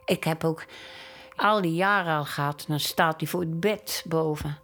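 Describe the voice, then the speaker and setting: An older woman, a widow, speaking plainly and haltingly in a candid documentary interview, often stumbling and repeating words. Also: low-pitched, a bit bright.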